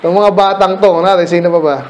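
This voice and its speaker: A middle-aged Filipino pastor giving a casual Bible study talk to children, questioning listeners by name. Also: male voice, high voice, flat delivery, racing, darkish tone.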